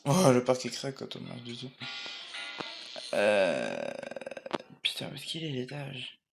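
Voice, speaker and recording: A man's voice: mid-range voice, fairly even intonation, a little fast, creaky. Young French gamer man talking over music. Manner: mumbles while eating; chatty, swears casually. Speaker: gamer playing a horror game. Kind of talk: casual let's play commentary.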